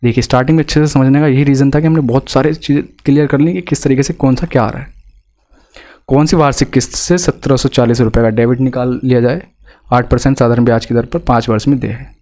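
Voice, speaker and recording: A man's voice: mid-range voice, fairly even intonation, fast talker, mellow. A male math teacher with an Indian accent, explaining exam problems step by step and asking students rhetorical questions. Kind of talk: exam-prep math lesson.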